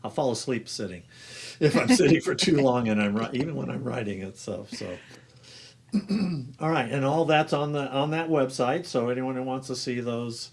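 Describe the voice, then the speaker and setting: Man, podcast host, mid pitch, casual, rambling, throat clearing. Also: moderate pace. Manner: relaxed, rambling, clears his throat often. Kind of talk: casual interview chat.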